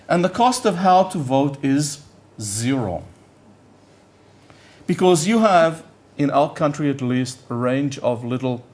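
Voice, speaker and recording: An older man whose first language is Yiddish, a professor, delivers a conference lecture with a medium-pitched, a little mellow voice. His style is conversational and blunt, marked by frequent word-searching pauses and repetition.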